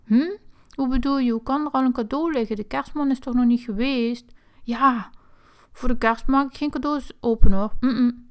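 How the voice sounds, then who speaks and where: A woman's voice: high voice, normal speed. A woman voicing a puzzled, well-behaved young girl in a toy figure play video.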